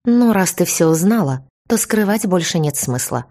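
A woman's voice: on the low side, animated, normal speed, mellow. A woman voicing a brazen, mocking young woman who betrays her friend, with a ringing voice and a smug, taunting way of talking.

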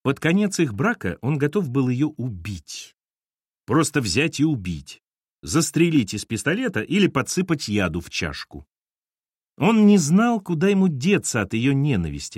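A man with a mid-range voice narrates a novel for an audiobook, giving the scripted text an expressive, storytelling delivery. The sound is dry and studio-clean.

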